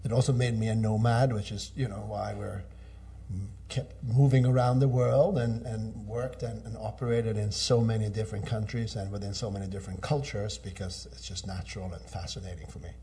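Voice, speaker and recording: Low, mellow man. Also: fairly even intonation, fairly quick. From Norway. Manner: thoughtful, with frequent restarts and fillers. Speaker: interview guest, business executive. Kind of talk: conversational interview answers.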